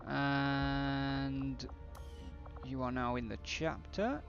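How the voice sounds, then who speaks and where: A man's voice: medium pitch, fairly even intonation, very slow, creaky, highs cut off, over music. A British man doing casual, blokey, sweary game commentary as a streamer chatting with viewers. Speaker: gaming streamer.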